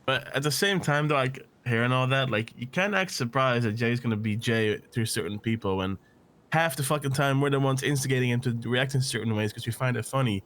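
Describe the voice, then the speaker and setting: A man's voice: mid-range voice, a little fast, a bit bright. A man insistently pushing back in an in-character argument, swearing as he makes his point. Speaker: roleplay gang member.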